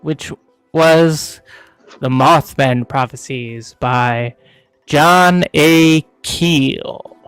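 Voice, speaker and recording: A man's voice: fairly high pitch, drawn-out words, fairly bright tone, clear, resonant tone, no echo, faint music behind. A man co-hosting a casual book review show, chatty, laughing often and tripping over hard words. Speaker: podcast co-host.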